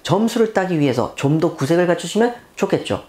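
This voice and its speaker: A middle-aged woman gives an exam-prep law lecture in a low voice that swings widely in pitch. She keeps asking her students questions and answering them herself, repeating key points for emphasis. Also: animated, fast, darkish tone.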